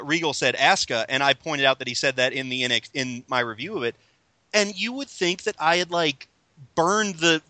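Male podcast host, very bright forceful voice, slightly high, hesitant and chatty, dry close sound. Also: no room sound. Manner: chatty, hesitant, many fillers and restarts. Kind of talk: casual chat.

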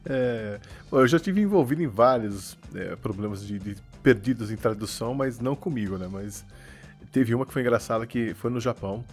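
Animated Brazilian-Portuguese male storyteller. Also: medium pitch, moderate pace, soft background music. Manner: animated storyteller, laughs often. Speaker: podcast co-host. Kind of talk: casual storytelling chat.

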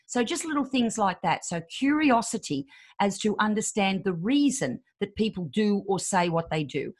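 A woman's voice: mid-range voice, expressive, moderate pace. A woman in her fifties, a podcast guest giving relationship advice and acting out quoted voices. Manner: acts out quoted voices, emphatic.

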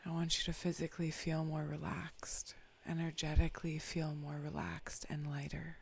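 A meditation guide leading a guided meditation, often whispering soft, calm instructions. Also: mid-range voice, normal speed, vocal fry, slight background noise.

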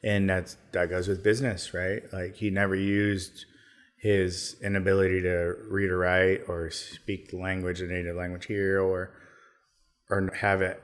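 A man talking casually as a podcast guest, relaxed and rambling with lots of fillers. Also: deep voice, measured pace. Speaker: podcast guest, business owner. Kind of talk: casual conversation.

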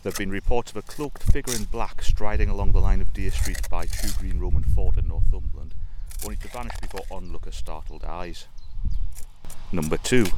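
Low-voiced man on a dictaphone outdoors. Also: very noisy. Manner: steady, informative storytelling. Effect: recorded on a dictaphone in an open field. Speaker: podcast host. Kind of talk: narrating local ghost history. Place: outdoors in a sunny field. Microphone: handheld dictaphone.

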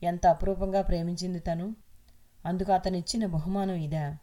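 A woman narrating a serialized audio novel, her voice a little low for a woman. She reads in a steady, measured way, keeping an even pace through the story.

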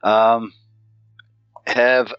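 A man's voice: mid-range voice, level tone, very slow, clear, resonant tone, dry recording, dull audio. A man playing a tabletop role-playing game, rambling and thinking aloud with casual swearing. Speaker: player.

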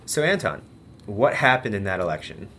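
A man's voice: lowish voice, sing-song, normal speed, pushed and bright, slightly rough. A man hosting a podcast, reading scripted lines and interviewing people with some hesitant fillers. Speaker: podcast host.

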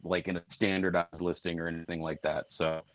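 A very low-voiced man speaks as a podcast guest over a remote call line that keeps breaking up. His voice comes through dull and lo-fi, yet dry and close. He talks in a halting, deadpan way. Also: dry recording. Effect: remote call audio breaking up.

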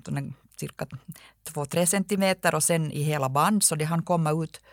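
A woman with a Finland Swedish accent who edits a dictionary, explaining her work in an interview in a measured way with frequent hesitations. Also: low voice, no room sound, clean studio sound. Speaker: dictionary editor. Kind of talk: radio interview answers.

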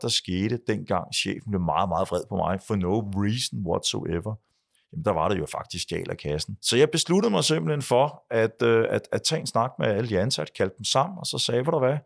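A man, a business leader, telling a story from his working life in a halting, casual way with many restarts. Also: fairly low pitch. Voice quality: creaky. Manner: halting, with frequent restarts and fillers. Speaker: podcast guest, business leader.

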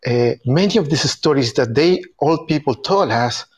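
An Argentinian man, a native Spanish speaker with an Argentinian accent, enthusiastically hosts a casual group video chat about tango in English, his second language. As a tango event organizer, he has a fairly high, breathy voice with lively intonation, and his non-native phrasing is halting with restarts.

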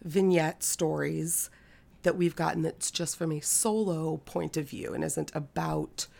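A woman co-hosts a book podcast in a casual, hesitant, conversational style. Her voice sits fairly low and is full of gravelly vocal fry. A recent cold leaves her throat audibly scratchy. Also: steady tone, unhurried, darkish tone. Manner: hesitant, conversational, with frequent "like" and "kind of". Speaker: podcast co-host.

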